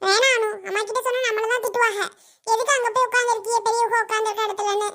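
A woman's voice: extremely high pitch, steady tone, very fast, fairly bright tone. A woman voicing a protective young girl cousin in a cartoon, arguing and pleading with an elder, with a Kanyakumari Tamil accent. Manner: pleading, argumentative. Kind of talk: cartoon voice acting.

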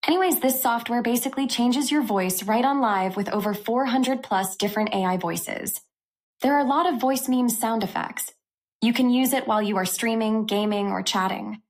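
A woman hosting a tech channel, walking through a software review step by step in an upbeat way. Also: fairly high pitch, normal speed.

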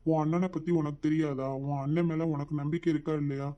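An actor playing a protective older brother in a cartoon, who speaks calmly and reassuringly. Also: male voice, on the high side, fast talker, highs cut off, lightly acted. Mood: soothing. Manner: calm, soothing, reassuring. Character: caring protective older brother, young adult man. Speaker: cartoon character. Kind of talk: cartoon voice acting.

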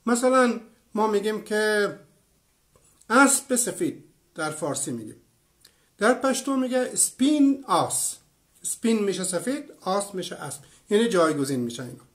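A man in his fifties from Iran gives an online lecture. He explains at an even pace, offers many examples, and stops to answer comments from viewers. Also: sits high. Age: 50s. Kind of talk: online lecture with live chat.

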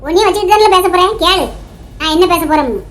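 A woman's voice: extremely high pitch, very fast. A woman voicing an affectionate, teasing old grandmother in a cartoon, with a Tamil Nadu accent. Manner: teasing, then tearfully apologetic. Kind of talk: cartoon voice acting.

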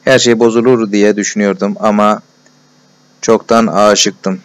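A tender-hearted young clerk from a storybook, shy and overjoyed, pouring out his heart in breathless confiding rushes, as a man reads him. The voice sits low. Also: steady tone, lightly acted. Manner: emotional, breathless confiding, repeated endearments.

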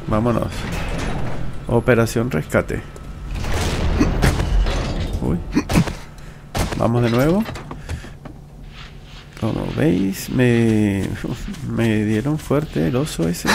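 A man's voice: medium pitch, lively intonation, a little slow, gravelly, pauses often, background noise. A man giving casual gameplay commentary, talking to himself as he plays. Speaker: gamer, let's play host.

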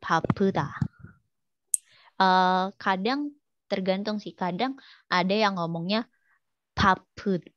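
A woman's voice: medium pitch, takes it slowly, long pauses, dry recording, lo-fi sound. Chatty woman teaching a language lesson. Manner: chatty, quizzing students with many fillers.

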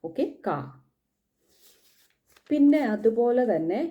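A woman's voice: fairly high pitch, lively intonation, takes it slowly, highs cut off. A woman from Kerala teaching the German alphabet in a casual spoken lesson, patiently repeating each letter.

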